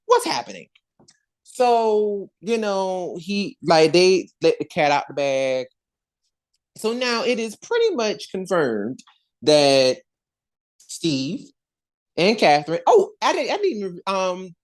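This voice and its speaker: Woman podcast host, casual gossip, slangy, very expressive pitch, slow easy delivery. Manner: animated, slangy, laughs often.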